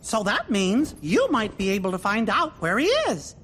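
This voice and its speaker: An actor voicing a cheerful, earnest cartoon mouse king in a squeaky falsetto, from a video game. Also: huge pitch swings, moderate pace, fairly bright tone, slight background noise, full character voice.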